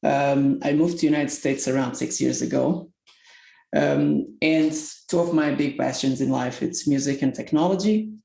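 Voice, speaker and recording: A man's voice: medium pitch, steady tone, normal speed, gravelly, warm tone. A man from Portugal, a guest on a podcast, speaking earnestly and searching for words in English. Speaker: tech company executive guest. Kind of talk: podcast interview. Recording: roomy echoey sound.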